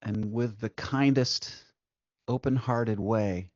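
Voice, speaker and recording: In an unhurried, calming tone, a man with a lowish voice leads a guided meditation, pausing long between short directions. The recording has no echo and its high frequencies are cut off.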